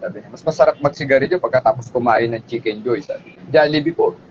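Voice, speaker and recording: A man's voice: medium pitch, fast. A man telling a story in a polite, conversational way, often checking in with his listeners. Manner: polite, with frequent tag questions. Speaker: speaker retelling a police hostage story. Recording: muffled lo-fi with faint background noise.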